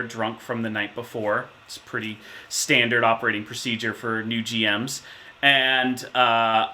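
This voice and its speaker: Bright-voiced man in his thirties. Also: medium pitch. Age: 30s. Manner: relaxed, reflective storytelling with many fillers. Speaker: interviewee, insurance manager. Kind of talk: casual interview answers.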